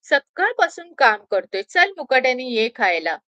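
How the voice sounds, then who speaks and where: A woman voicing a grown male shop worker who gives instructions in a gruff, caring way. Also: high voice, very animated, normal speed, sharp tone, dry recording, exaggerated voice. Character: kindly senior shop worker, grown man.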